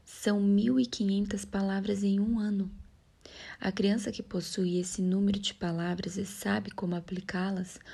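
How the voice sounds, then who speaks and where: A woman reading a nonfiction audiobook aloud in a soft, breathy near-whisper, now and then correcting a slip. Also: mid-range voice. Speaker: audiobook reader.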